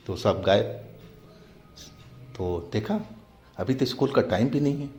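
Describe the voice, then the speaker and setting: A man narrating a true-story horror tale in a slow, measured retelling. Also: on the low side, darkish tone. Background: faint background music.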